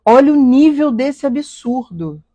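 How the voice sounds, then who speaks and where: A woman's voice: high-pitched, lively intonation, unhurried, warm tone, dull audio. A woman hosting a live stream, telling a personal story in an earnest, emotional way and often asking rhetorical questions. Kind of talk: confessional personal talk.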